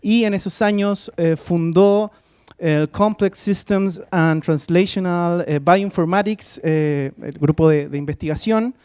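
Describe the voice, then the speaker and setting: In a university lecture hall, a faculty host introduces a guest speaker in a formal talk, hesitating often and filling gaps with "um"s while switching between Spanish and English. His voice sits high and is a little mellow and smooth, moving slowly with hardly any pauses, and there's no echo.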